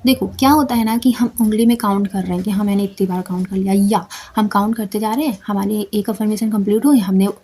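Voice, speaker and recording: A woman's voice: medium pitch, steady tone, fast, few pauses, warm tone, breathy edge. A young woman giving a casual, chatty lesson, repeating phrases and often checking that listeners follow. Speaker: manifestation coach. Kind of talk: casual instructional talk to camera.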